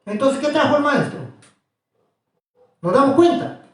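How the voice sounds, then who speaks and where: A man's voice: very high-pitched, lively intonation, a little slow. A man teaching a small group about religion, asking questions again and again in an insistent way. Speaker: preacher. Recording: echoey room, voice from far off.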